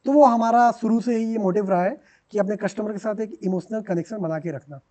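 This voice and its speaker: High-voiced, mellow man explaining. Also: fairly quick. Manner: steady explanatory, mixes English business terms. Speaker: startup co-founder. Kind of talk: podcast interview answers. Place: podcast studio.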